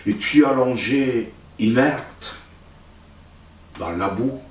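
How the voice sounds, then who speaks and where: A native Spanish speaker from Santiago, Chile, with a Chilean accent, reads his own poetry in a solemn, declamatory manner. His medium-pitched, slightly mellow voice moves deliberately through short phrases with pauses between them. The distant microphone picks up a roomy echo.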